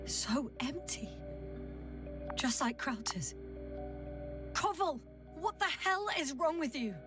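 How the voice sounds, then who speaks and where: A woman's voice: medium pitch, normal speed, natural voice. An actress voicing a composed female field doctor in a video game who gives clipped, matter-of-fact reports. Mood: focused. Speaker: scientist on a planet mission. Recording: game audio, distant mic, music under.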